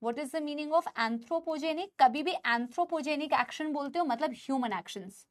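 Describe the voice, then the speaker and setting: A woman's voice: high voice, takes it slowly. A woman with an Indian accent teaching a biology class, mixing Hindi and English and coaxing her students as beta. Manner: says she usually shouts in class. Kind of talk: online class lecture.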